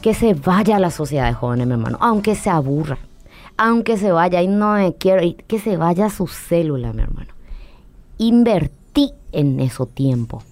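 A woman's voice: fairly low pitch, lively intonation, moderate pace, a little mellow, soft background music. A woman psychologist as a guest on a church-interview. She speaks earnestly and preaches, and she keeps calling the listener her brother. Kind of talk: interview on faith and parenting.

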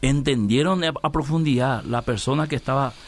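A man's voice: mid-range voice, fairly quick. A man teaching about the Bible in a conversation, posing rhetorical questions and answering them himself, often tagging lines with a questioning "right?". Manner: often tags phrases with "¿verdad?" and addresses the interviewer by name. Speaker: preacher guest on a religious talk program.

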